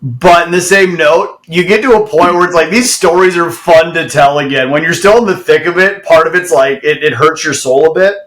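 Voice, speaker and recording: A man's voice: fairly high pitch, a little fast, a bit bright. Wry, laid-back podcast host man. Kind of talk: casual podcast chat.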